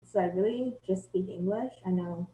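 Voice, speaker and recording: A woman in her twenties, speaking calmly and plainly in a documentary interview. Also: medium pitch, normal speed, echoey room, slight background noise, low-quality recording. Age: 20s.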